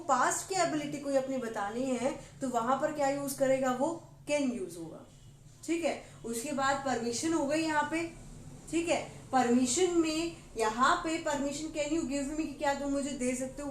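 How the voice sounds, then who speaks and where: A woman English teacher giving a classroom grammar lesson, explaining in Hindi and reading English example sentences slowly, often checking with "ठीक है". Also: high-pitched. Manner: keeps asking questions and says "ठीक है" often. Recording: roomy with faint background noise.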